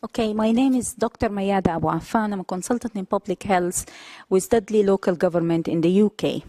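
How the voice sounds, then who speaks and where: Polite, dark-voiced woman from Sudan. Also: mid-range voice. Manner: polite, formal, a little halting. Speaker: audience member asking a question. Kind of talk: conference question from the floor.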